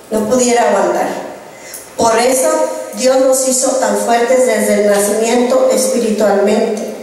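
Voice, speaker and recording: High-voiced Mexican woman preaching in echoing hall. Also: darkish tone, a little hiss or hum. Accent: Mexican Spanish. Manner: asks the congregation rhetorical questions. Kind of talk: sermon. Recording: distant echoey hall recording.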